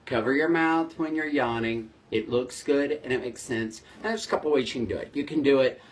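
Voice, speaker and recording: A man's voice: medium pitch, brisk. A man hosting a short etiquette segment, talking casually to camera in a playful, mock-exasperated way.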